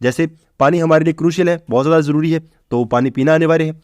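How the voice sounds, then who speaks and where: A man speaks fast in a somewhat high, mellow voice, captured in a dry, clean studio recording. His exam-prep vocabulary lesson is relaxed and informal: he addresses everyone as "bhai," proceeds step by step, and answers the questions he raises himself.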